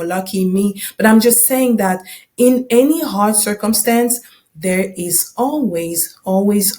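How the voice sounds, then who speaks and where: This podcast host, a non-native English speaker from the DR Congo, shares her own testimony with listeners in a chatty way. Her pitch is medium and her tone somewhat dark. As she goes she frequently checks in, dropping in "you know" and "right?"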